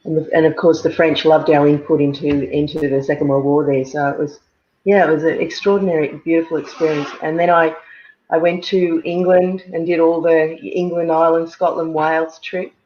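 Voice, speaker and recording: An Australian woman guest on a video call, talking in a halting way, with many fillers and repeated words. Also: sits low, flat delivery, a little hiss or hum. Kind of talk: casual interview chat. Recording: muffled lo-fi video-call audio.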